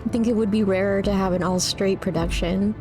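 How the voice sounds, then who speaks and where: A woman's voice: mid-range voice, steady tone, brisk, over music. A woman giving casual, joking gameplay commentary as a streamer, in a playful, wry manner. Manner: playful, wry, breaks into bits of sing-song. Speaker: game streamer.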